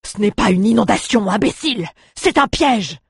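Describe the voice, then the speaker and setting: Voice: medium pitch, animated, normal speed, gravelly, slightly rough, no room sound, clean studio sound, pitched above the performer's own voice, full character voice. A narrator voicing a furious male army general who barks orders with contempt in an audiobook. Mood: shouting, furious. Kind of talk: audiobook character voice.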